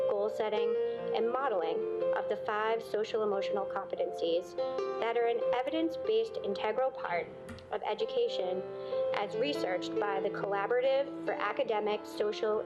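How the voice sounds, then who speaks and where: A woman from a school program narrating a video and coaching students in an encouraging, gently corrective way. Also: medium pitch. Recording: dull lo-fi video audio with music. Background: background music.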